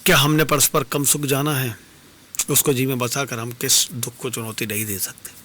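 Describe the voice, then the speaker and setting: A man's voice: mid-range voice, fairly even intonation, pushed and bright. A man as a serene, philosophical wandering stranger. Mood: consoling. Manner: measured, philosophical, consoling. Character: calm, detached wandering male stranger, philosophical. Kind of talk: dastangoi storytelling performance. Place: radio studio.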